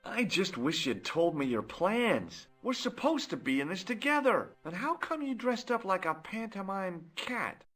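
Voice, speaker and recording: A man's voice: high voice, sing-song, a little slow, hardly any pauses, a bit bright, soft background music, full character voice. An actor playing a wry adult male amateur sleuth in a video game, speaking in a dry, sardonic way.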